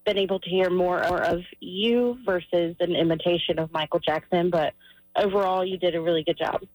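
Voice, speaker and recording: A woman calling in to a radio show with a lowish voice, measured and polite. The sound is dry. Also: fairly even intonation, darkish tone, no room sound, rough recording. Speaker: call-in judge.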